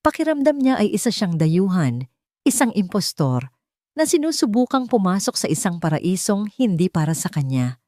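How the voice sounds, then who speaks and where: A woman with a Filipino accent narrates a scripted dramatic story as an audiobook reader. Her voice is lowish and a little mellow, captured with clean studio sound and no echo.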